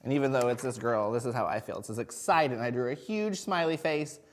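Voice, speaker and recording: A man's voice: medium pitch, a little hiss or hum. A man teaching young children in a video lesson, encouraging, using simple words and asking frequent questions as if talking to little kids. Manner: encouraging, singles out and spells words slowly. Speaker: first grade teacher.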